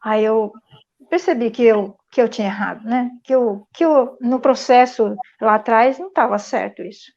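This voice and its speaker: A woman's voice: fairly high pitch, moderate pace, gravelly, a little mellow. A middle-aged woman telling a personal story in an online meeting, earnest and reflective, often checking in with her listeners. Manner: earnest, reflective, frequent tag questions. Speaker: speaker sharing a testimony. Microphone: video call. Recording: muffled lo-fi video call audio.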